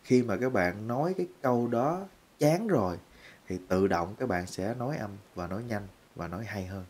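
A man with a Vietnamese accent teaching English phrases, repeating each one slowly word by word. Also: lowish voice, animated, darkish tone, breathy edge. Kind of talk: English lesson.

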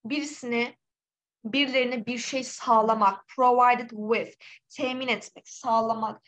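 Woman from Turkey, English teacher, slightly hoarse, high voice, encouraging, live online lesson. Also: unhurried, rough recording. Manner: lively, encouraging, reads out student names.

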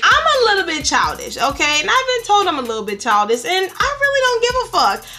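A woman's voice: extremely high pitch, huge pitch swings, fairly quick, sharp tone, faint music behind. A woman hosting a reaction video, talking casually in a sassy, profane way and calling viewers honey. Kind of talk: casual vlog intro.

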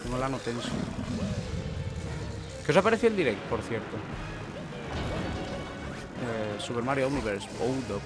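A young man from Spain streams a speedrun, chattering nervously to his chat, swearing freely and breaking into frantic yelling when the pressure peaks. His voice sits at an ordinary middle pitch, and clear game music plays underneath. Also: sing-song, normal speed, long pauses. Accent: Spain Spanish. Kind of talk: live speedrun commentary.

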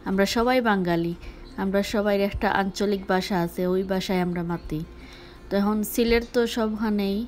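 Young woman vlogger, Sylheti Bengali accent, candid and chatty, sprinkles English words, faint music underneath. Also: medium pitch. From Sylhet, Bangladesh. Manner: frank, mixing English words into speech. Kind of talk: casual talk to camera.

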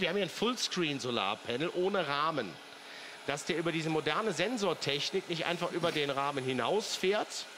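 A man's voice: a little high, background noise. A man presenting an infomercial product demonstration in a chatty, persuasive way, putting questions to the viewers.

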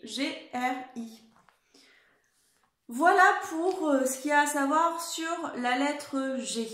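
A woman teaching a spelling lesson to young children at home, dictating slowly and carefully and encouraging them. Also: high voice, a bit bright. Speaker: primary school teacher. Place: room at home. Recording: echoey room.

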